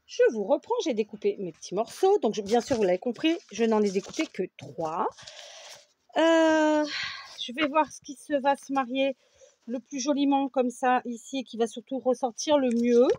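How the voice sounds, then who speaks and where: Higher-voiced woman explaining a craft step by step. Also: animated, normal speed, a little mellow, slight background noise. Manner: explains step by step while measuring and cutting; keeps checking in with viewers. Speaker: crafting tutorial host. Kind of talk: casual craft tutorial.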